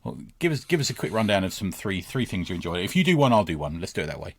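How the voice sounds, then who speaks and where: A man's voice: low voice, big pitch swings, very fast, slightly rough, dry recording. A man hosting a podcast in an easygoing chat, often ending with tag questions. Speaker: podcast host. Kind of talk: casual chat.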